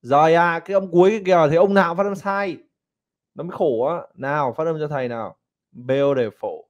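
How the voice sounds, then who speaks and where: A man with a Vietnamese accent teaching English pronunciation online, animated and slowing down to demonstrate and repeat words. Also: a little high, highs cut off.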